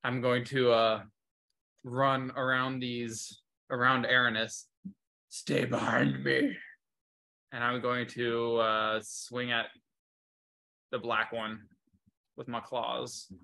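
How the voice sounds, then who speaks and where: A man's voice: medium pitch, little pitch movement, takes it slowly, long pauses, bright, forceful tone, low-quality recording. A man casually describing his character's moves as a player in a tabletop game. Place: indoors at home, on a video call.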